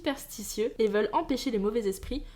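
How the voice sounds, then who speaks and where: A woman's voice: fairly high pitch, fast talker, darkish tone. A woman co-hosting a podcast, reading out facts in a lightly scripted, playful way. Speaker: podcast co-host. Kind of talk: casual chat, partly read.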